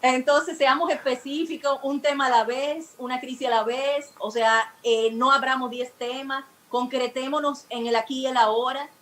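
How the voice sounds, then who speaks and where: A woman appears on a talk show as a guest expert on emotional communication, teaching through acted everyday examples. Her high, fairly bright voice is steady, at normal speed with few pauses, over slight background noise in a low-quality recording.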